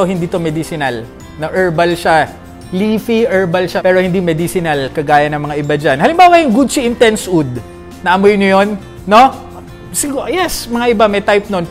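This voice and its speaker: A man from the Philippines hosting a casual perfume review vlog, chatty and jokey, constantly checking in with his viewers. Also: high-pitched. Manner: chatty, peppers talk with tag questions; animated, jokey asides.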